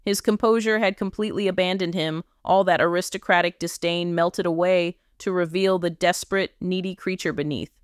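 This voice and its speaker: A woman reading a first-person erotic story aloud, in a measured and commanding way. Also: fairly low pitch, steady tone, clean tone, no room sound, clean studio sound. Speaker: narrator.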